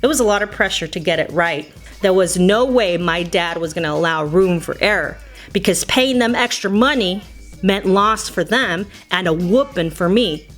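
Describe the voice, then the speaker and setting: Somewhat low in pitch yet a bit bright, this American woman's voice is animated and moderately paced as she shares nostalgic stories set to music. The scripted narration is playful and personal, dipping into Spanish now and then.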